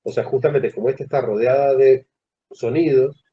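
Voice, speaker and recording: A male teacher giving a classroom lecture, who asks the students questions and pauses mid-phrase. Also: mid-range voice, steady tone, slightly rough. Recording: dull lo-fi classroom recording.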